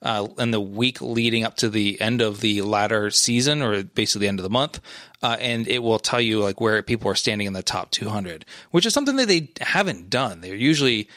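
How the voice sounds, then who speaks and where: A man's voice: fairly low pitch, animated, fairly quick, fairly bright tone, no room sound, clean studio sound. Rambling man chatting about esports. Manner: rambling, many restarts and fillers. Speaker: podcast co-host. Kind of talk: casual esports chat.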